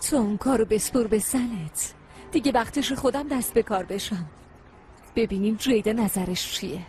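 A woman's voice: a little high, darkish tone, faint music behind, close to an everyday voice. An actress dubbing a nosy, scheming woman into Persian, speaking in a bossy, impatient way. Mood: conspiring. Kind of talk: Persian dub of a Turkish drama.

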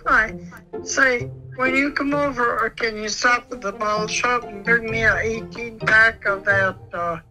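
A woman's voice: fairly high pitch, steady tone, unhurried, over music, low-quality recording. Blunt woman heard on speakerphone. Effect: heard over a phone on speakerphone. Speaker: caller dialing a wrong number. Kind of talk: casual phone chat.

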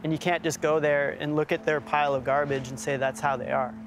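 Filmed partly outdoors and inside an abandoned factory, this documentary host is a man in his thirties. His fairly high voice keeps a fairly even intonation at a fairly quick pace, casual and reflective, over background noise.

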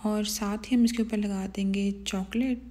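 A woman narrates a home recipe as a voice-over, guiding viewers calmly through each step. Her voice is warm and mellow, with little rise and fall, and it stays level and steady throughout. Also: medium pitch, normal speed. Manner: calm step-by-step instructions with soft asides. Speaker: cooking channel host.

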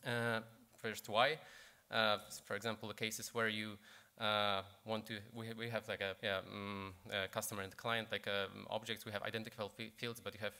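A man in his thirties giving a technical lightning talk on stage, halting and hesitant as he searches for words. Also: lowish voice, little pitch movement, pushed and bright, smooth. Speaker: conference speaker, programmer. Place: conference stage in a hall.

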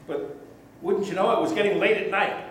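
A middle-aged male pastor telling a children's sermon story slowly and gently to puppets, at a lectern in a small church. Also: high voice, steady tone, a little hiss or hum. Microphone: fixed camera a few feet away, lectern mic. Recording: echoey church from some distance.

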